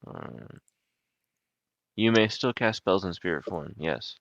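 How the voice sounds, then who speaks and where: Deep-voiced joking game master, man. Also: animated, slow pace, gravelly, no echo, lo-fi sound. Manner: hesitant, full of ums, joking sports-style commentary. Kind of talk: narrating a tabletop game.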